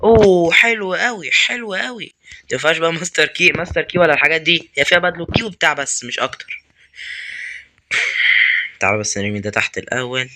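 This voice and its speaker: Excitable young Egyptian gamer man. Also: on the high side, very fast, long pauses, slight background noise. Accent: Egyptian Arabic. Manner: excitable, talks to game characters and swears at them. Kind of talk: horror game commentary.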